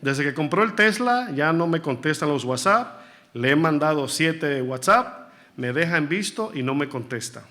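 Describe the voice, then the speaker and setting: A preacher voicing an indignant churchgoer complaining. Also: male voice, fairly high pitch, animated, normal speed, pushed and bright. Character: churchgoer man complaining about ignored messages.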